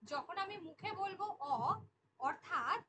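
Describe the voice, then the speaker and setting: High-voiced woman teaching, repeating definitions. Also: animated, a little slow, noisy background. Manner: repeats key definitions, asks questions to the class. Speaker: Bengali teacher. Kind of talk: online exam-prep class.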